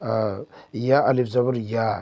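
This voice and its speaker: A man teaching Quran reading step by step, spelling out letters and drawing out syllables slowly. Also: mid-range voice, flat delivery, dark tone, no room sound. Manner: slow, drawn-out syllable drills. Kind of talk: step-by-step recitation lesson.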